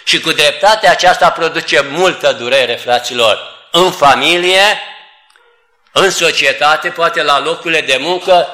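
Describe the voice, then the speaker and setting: A man's voice: fairly high pitch, sharp tone. A man preaching a church sermon, earnestly addressing the congregation as beloved. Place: church assembly hall. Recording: echoey hall.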